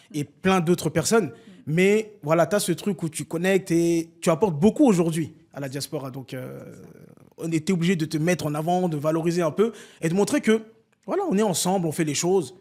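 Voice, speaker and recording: A man co-hosting a podcast, soft-spoken and trailing off at the ends of phrases. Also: on the high side. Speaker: podcast co-host. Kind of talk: casual podcast conversation.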